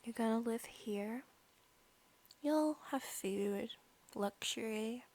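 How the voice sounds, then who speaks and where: Slow and a touch high, this woman's voice carries a sweetly smug mood as she acts out a possessive young vampire with a sadistic streak. It's a softly spoken ASMR roleplay, teasing and casually threatening, with occasional whispers.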